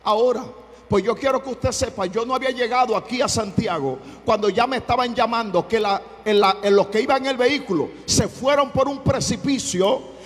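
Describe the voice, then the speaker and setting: Pastor guy preaching loud n fervent, really high voice, long church reverb. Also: a little fast. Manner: fervent preaching, bursts into shouting, repeats phrases. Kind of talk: sermon.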